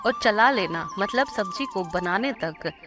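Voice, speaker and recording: A stern, exasperated middle-aged mother-in-law, as a woman narrator puts her on in a cartoon storybook. She scolds with weary impatience over loud backing music. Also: mid-range voice, lively intonation, measured pace, lightly acted. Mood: scolding.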